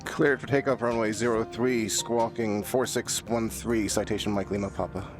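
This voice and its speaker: A man's voice: on the low side, fairly even intonation, normal speed, music in the background. A man playing a flight sim, giving clipped pilot radio calls and readbacks to the tower.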